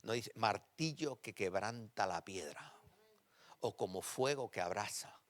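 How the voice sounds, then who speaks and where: A man preaching a sermon in a church, telling personal stories with animated emphasis that drops to quiet, intimate tones. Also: lowish voice, a little slow. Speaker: pastor.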